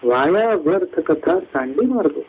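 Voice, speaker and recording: A man giving a devotional discourse at a satsang, climbing high through lists of words and slowing down on key phrases. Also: lively intonation, slightly rough. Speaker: satsang speaker. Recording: tinny phone-like line.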